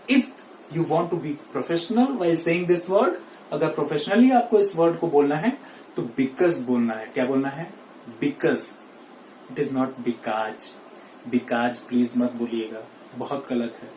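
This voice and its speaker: A man with an Indian accent teaching English pronunciation in a classroom, mixing Hindi and English, saying each word slowly and asking listeners to repeat it. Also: fairly high pitch, dark tone. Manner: drills words slowly, asks listeners to repeat. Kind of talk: classroom lesson at a board. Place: classroom with a board. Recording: echoey room, faint noise.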